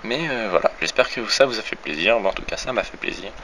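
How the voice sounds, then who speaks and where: A man's voice: lowish voice, animated, quick pace. A young man with a French accent from the Orléans area, rambling casually through a room-tour vlog in his bedroom, filmed on a handheld phone with many fillers and self-corrections. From France. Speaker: YouTuber showing his room and gear. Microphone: phone camera held by hand. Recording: faint background hiss from cheap phone.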